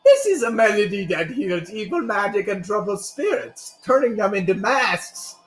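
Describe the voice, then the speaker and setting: An eerie video game mask salesman, played by a man, with a high voice that swoops dramatically between solemn and frantic. He is theatrical and pleading, in a roomy space with game music behind. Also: lively intonation, moderate pace. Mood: grand, mysterious. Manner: melodramatic, swinging from solemn to shrieking. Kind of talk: dramatic read-aloud of video game dialogue.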